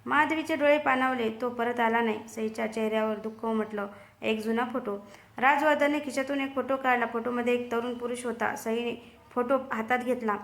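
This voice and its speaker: A woman storyteller reading a dramatic serial story aloud in a steady, expressive way. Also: fairly high pitch, fairly quick. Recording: roomy echo.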